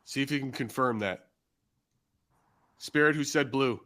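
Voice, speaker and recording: A man's voice: medium pitch, unhurried, fairly bright tone. A man co-hosting a live paranormal stream, steering the group toward decisions and reading the chat aloud. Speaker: co-host.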